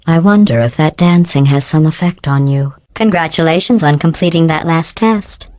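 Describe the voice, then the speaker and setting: In this scripted game voice acting, a woman plays a passive-aggressive female AI conducting lab tests, her mocking, insincere tone kept deadpan and falsely courteous. Pitch-corrected robotic processing gives her a synthetic rhythm at a moderate pace, with no echo.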